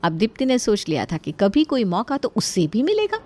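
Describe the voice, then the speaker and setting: A woman narrating a comic bedtime story in a lively, playful way. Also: a little high, moderate pace.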